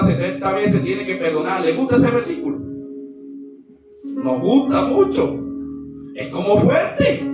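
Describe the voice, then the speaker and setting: A man preaching with force, throwing questions at his congregation. His voice sits high and comes from a distance. A strong echo fills the room while guitar plays underneath. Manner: emphatic, asks the listeners questions. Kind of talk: sermon with congregation exchange. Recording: echoey room, far from the mic, music behind.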